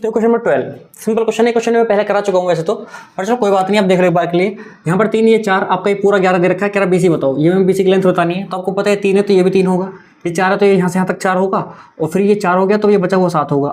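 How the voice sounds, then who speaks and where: A man's voice: sits high, fairly even intonation, rapid-fire, a little mellow. A young adult man teaching a maths exam-prep lesson, talking in a coaxing, repetitive way and mixing in English terms.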